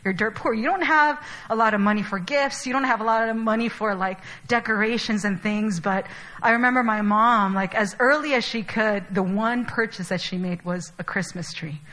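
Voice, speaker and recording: A woman's voice: on the high side, normal speed, a bit bright, poor audio. A young adult woman from Chile giving a sermon in a casual, chatty way, with many fillers. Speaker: preacher.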